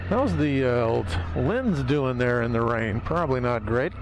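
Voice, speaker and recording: A man's voice: mid-range voice, expressive, measured pace. Man chatting over wind and road noise. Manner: chatty, slangy, musing to himself. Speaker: motorcycle vlogger. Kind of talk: casual riding commentary to camera. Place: outdoors on a moving motorbike in wet city traffic. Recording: outdoor wind, engine and traffic noise. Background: wind, vehicle and road noise.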